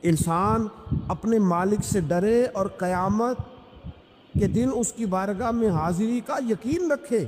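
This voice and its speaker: A man's voice: high voice, slow. A man delivering an emphatic, rhythmic sermon, repeating phrases and reciting Arabic verses. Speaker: Islamic preacher. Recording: echoey hall, noisy.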